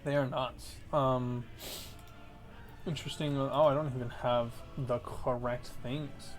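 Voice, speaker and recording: A man's voice: mid-range voice, steady tone, measured pace. Guy running a tabletop rpg as game master, narrating, faint music under him.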